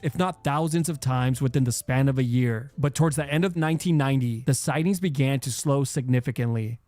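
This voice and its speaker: A man's voice: medium pitch, a little mellow. Man narrating a scripted mystery countdown. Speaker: video narrator.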